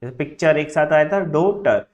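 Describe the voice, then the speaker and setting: A man with a somewhat high voice teaches a shorthand class. He drills example words aloud, saying each one slowly and more than once. He keeps stopping to ask his students whether they have understood. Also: expressive, darkish tone, dull audio. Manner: drills words by repeating them slowly, checks understanding with frequent tag questions. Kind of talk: classroom lesson.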